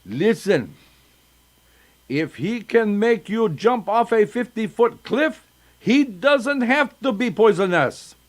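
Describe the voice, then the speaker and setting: A man's voice: high voice, animated, slow, voice pushed up. A man voicing a frightened male village schoolteacher in a folktale, gasping as he talks. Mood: exasperated. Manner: gasping, panicky.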